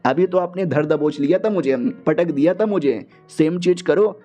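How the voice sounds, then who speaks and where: A man's voice: on the high side, normal speed, mellow, faint music behind, lightly acted. A man voicing a brazen flirty princess bride. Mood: teasing. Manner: teasing, pleading, coaxing.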